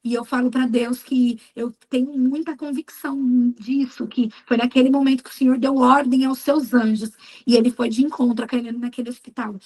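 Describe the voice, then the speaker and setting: High-voiced woman giving a fervent testimony. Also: fairly even intonation, normal speed, hardly any pauses, darkish tone, husky, poor audio. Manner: fervent, emphatic storytelling with quoted prayers. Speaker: speaker at a women's church meeting. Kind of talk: testimony sermon.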